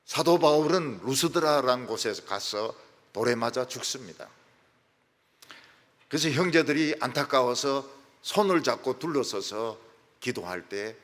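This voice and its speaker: A man preaching in a church sanctuary, his voice gravelly and pitched a little high. He swings between loud, stressed peaks and hushed drops, and a long reverb from the big hall trails every phrase. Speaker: pastor. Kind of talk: sermon.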